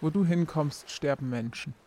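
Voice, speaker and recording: A woman's voice: deep voice, moderate pace, warm tone, a little hiss or hum, natural voice. A woman voicing a menacing, mocking young man in an audiobook, with a sneering, threatening manner.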